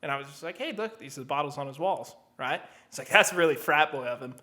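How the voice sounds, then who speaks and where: A man co-hosting a casual podcast, animated and swearing freely, dropping into muttered asides. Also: a little high, quick pace. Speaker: podcast co-host. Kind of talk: casual chat.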